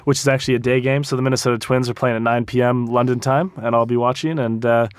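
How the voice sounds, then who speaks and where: A man's voice: mid-range voice, steady tone, fast talker, clear, resonant tone, no room sound, studio quality. An American man speaking as a panel guest, explaining politics in a thoughtful, conversational way. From United States.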